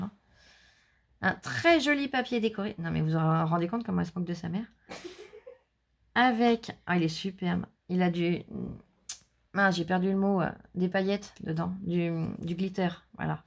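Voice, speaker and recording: A woman's voice: lowish voice, normal speed, gravelly. A woman hosting her crafting channel, chatting casually and effusively while showing handmade cards and teasing someone off camera. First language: French. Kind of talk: casual unboxing chat.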